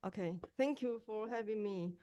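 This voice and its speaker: A woman's voice: mid-range voice, warm tone, highs cut off. A woman from Taiwan with a Taiwanese accent, speaking English as a second language, introducing herself hesitantly on a video call. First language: Mandarin. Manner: hesitant, with pauses and restarts. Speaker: language teacher and podcaster. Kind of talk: online group introductions.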